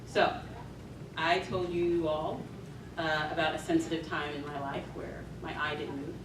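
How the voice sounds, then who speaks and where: A woman's voice: low voice, flat delivery, a little slow. A woman giving an emergency medicine grand rounds lecture, emphatic and checking in with "right?". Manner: emphatic, keeps asking "right?". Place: lecture hall. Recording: echoey hall, mic far off, noisy.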